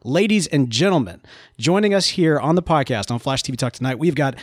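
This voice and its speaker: A man's voice: on the high side, lively intonation, brisk, dry recording, clean studio sound. A man with a tenor voice hosting a podcast, hyping up his guest with enthusiastic, geeky energy. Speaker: podcast host. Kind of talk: podcast interview and intro.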